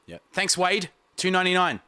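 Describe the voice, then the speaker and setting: A man's voice: high voice, very animated, brisk, pushed and bright, clear, resonant tone, no room sound. A man hosting a music livestream, chatting casually and reading out viewer comments with a laugh. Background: guitar playing.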